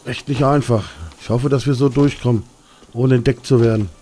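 A man's voice: mid-range voice, fairly even intonation, moderate pace, warm tone. A man giving casual gameplay commentary, muttering and cursing while sneaking through a game. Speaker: let's play streamer.

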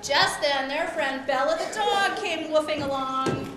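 A woman telling a children's story on stage, animated, feeding lines for children to repeat. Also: high-pitched, unhurried. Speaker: storyteller leading children in a show. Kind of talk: read-aloud children's story performance. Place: stage in an echoey hall with live audience. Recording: echoey hall, loud crowd and noise.

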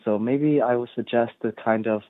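A man's voice: mid-range voice, steady tone, moderate pace, no room sound. A man calling in over a conference call to give public comment at a board meeting, hesitant and full of ums and likes. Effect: conference call audio. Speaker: member of the public making a deputation. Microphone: remote call-in. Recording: tinny dry conference call line.

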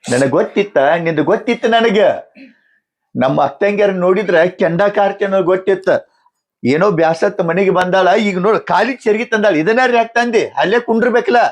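A man with a North Karnataka Kannada accent playing a stern elder brother and husband who rebukes his wife and gives gruff orders. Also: high-pitched, fairly quick. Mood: commanding.

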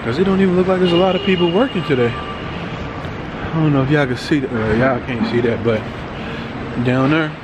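A man's voice: fairly high pitch, brisk, pauses often. A man in his thirties, a truck driver vlogging casually to a phone camera at arm's length, rambling and thinking aloud. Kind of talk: casual vlog talk to camera. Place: truck cab and outdoors at a warehouse. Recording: loud road and vehicle noise.

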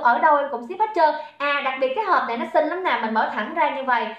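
A young woman hosts a sales livestream, bright and high-pitched, rattling off her pitch at a fast clip. She teases and chats with her viewers between offers. The phone recording sounds echoey and a little dull. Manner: chatty, teasing, reads viewer comments aloud. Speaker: livestream seller. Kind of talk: live-selling chatter.

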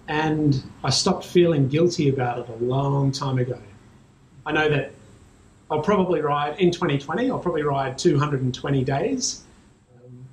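A man's voice: mid-range voice, a little hiss or hum. Chatty Australian man in echoey shed. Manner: relaxed and chatty, with frequent ums. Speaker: cycling vlogger. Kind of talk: casual talk to camera. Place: small garage or shed with bikes, indoors. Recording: echoey small room, faint ambience.

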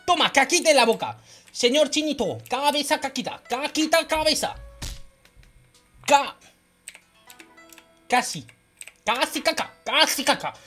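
A woman with a Spain Spanish accent giving excited gameplay commentary, often shouting and laughing. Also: high-pitched, a little slow, pauses often, soft background music. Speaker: gaming youtuber.

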